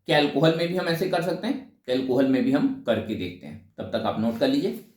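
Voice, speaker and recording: A man teaching a chemistry lesson, asking questions and answering them himself and slowing down to spell out names term by term. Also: mid-range voice, lively intonation, darkish tone, echoey room, far from the mic. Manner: asks questions then answers them, mixes in English phrases. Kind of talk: explaining a lesson.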